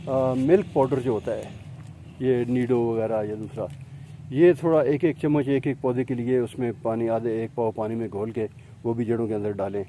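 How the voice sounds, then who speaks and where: Dark-voiced man explaining tomato care. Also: medium pitch, steady tone, slight background noise. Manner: explains patiently, with frequent fillers and pointing to plants. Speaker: home gardening presenter. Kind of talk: casual gardening tutorial.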